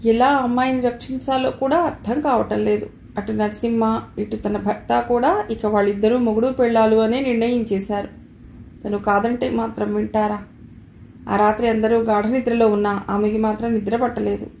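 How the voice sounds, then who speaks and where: A woman narrating a novel for an audiobook in steady, measured storytelling. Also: on the high side, vocal fry. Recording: roomy with faint hiss.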